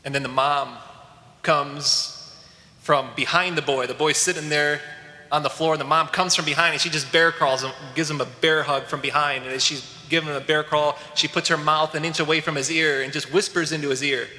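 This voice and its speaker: Earnest priest, bright voice in a church. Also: male voice, fairly high pitch, fairly even intonation, fairly quick, roomy sound, in a large hall. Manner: storytelling, earnest and emotional. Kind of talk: sermon.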